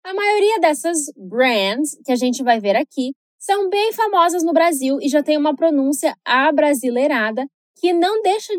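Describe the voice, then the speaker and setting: A woman with a Brazilian Portuguese accent teaching English pronunciation in a chatty scripted video lesson, slowing down to model each word carefully. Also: high-pitched, no echo, clean studio sound. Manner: chatty, tag questions, slow careful model words.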